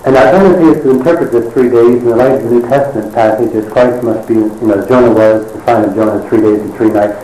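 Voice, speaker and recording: A man preaching a sermon in a wry, conversational storytelling manner with dramatic pauses. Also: mid-range voice, dark tone, echoey room, slight background noise, low-quality recording.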